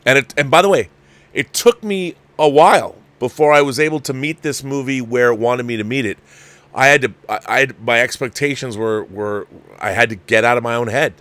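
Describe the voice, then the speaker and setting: A man hosts a live movie review show, speaking casually and emphatically at medium pitch, a little fast and fairly bright. He rambles, repeats phrases to push his point, and reads viewer messages during the livestream commentary. There's no echo.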